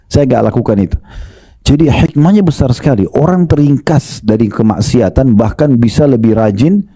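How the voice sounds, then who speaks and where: Male preacher, very warm mellow voice, lively storytelling sermon to the congregation. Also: fairly high pitch. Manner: lively, retells stories and addresses the congregation.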